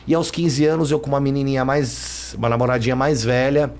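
An interview guest tells his life story in a brisk, mid-range voice with a darkish tone. His talk is casual and slangy, constantly leaning on "né" and "cara."

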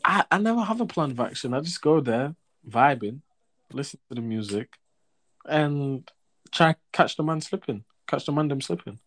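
A man's voice: a little high, animated, moderate pace, a bit bright. A young man with a London roadman accent, chatting casually and protesting in slangy, repetitive bursts. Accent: London, urban roadman slang style. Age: young adult. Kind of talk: casual banter chat.

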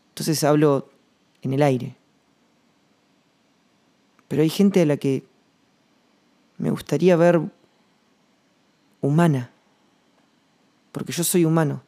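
A man with a Rioplatense Spanish accent hosting a reflective solo podcast monologue, rambling and slangy, thinking aloud with pauses. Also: on the high side, dark tone. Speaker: podcast host.

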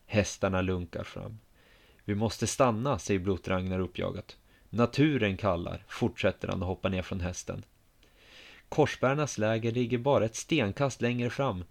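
A man telling a first-person story in a calm, measured, quiet way. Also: on the low side, gravelly.

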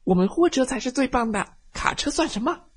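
A man doing a high shrill bragging little van. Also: normal speed, a little mellow, breathy edge. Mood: boastful. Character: boastful young male toy van, competitive child.

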